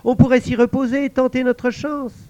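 A man's voice: very high-pitched, level tone, moderate pace, mellow, dry recording, pitched above the performer's own voice. A man voicing an invisible male servant spirit, loyal and eager to please, in a storybook tale. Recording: dull lo-fi dry recording.

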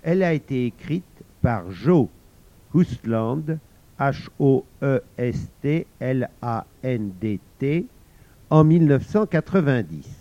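A man reading children's stories aloud in an expressive, sing-song way. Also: medium pitch, slow. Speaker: storyteller. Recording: dull lo-fi recording.

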